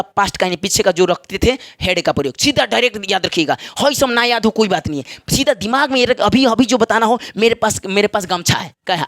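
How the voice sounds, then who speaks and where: A man with a Bihari Hindi accent and a high voice teaches a spoken English lesson. He talks in a chatty, joking way, repeats examples and keeps asking his students if they follow. The sound is dry and close, with no room around it. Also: fairly bright tone, dry recording. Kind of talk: classroom lesson at a whiteboard.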